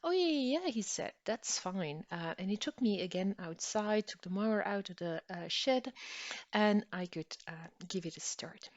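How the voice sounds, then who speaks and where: A woman's voice: normal speed, no room sound. A woman from northern Belgium giving an educational talk, explaining a concept and then telling a personal story while acting out the dialogue. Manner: storytelling, acts out dialogue with lively pitch jumps. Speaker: lecturer. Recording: dull lo-fi dry recording.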